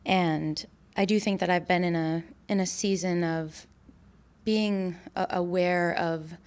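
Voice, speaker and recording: A woman's voice: fairly low pitch, fairly even intonation, slow pace, darkish tone, clean tone. A woman in her twenties, a podcast guest who talks reflectively, with frequent fillers and restarts. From New Hampshire, USA. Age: 20s. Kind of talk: casual interview chat.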